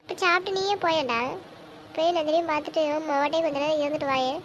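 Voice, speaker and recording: A woman with a high voice plays a bossy older sister. She talks fast and teases. Faint background noise is heard under her. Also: a bit bright, low-quality recording. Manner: quick, teasing, bossy older-sister banter. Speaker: elder sister. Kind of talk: amateur web drama acting.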